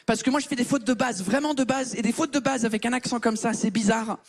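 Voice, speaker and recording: A man's voice: very high voice, fast talker, gravelly. A man from England, native in English, doing a crude, self-mocking stand-up routine on stage. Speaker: stand-up comedian. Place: comedy stage before an audience.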